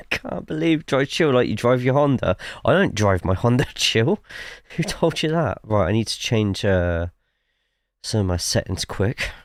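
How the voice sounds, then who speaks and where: A man's voice: medium pitch, big pitch swings, unhurried, no room sound, studio quality. A man with a cough giving casual, chatty live commentary while streaming a sim racing game, swearing freely and reading chat aloud.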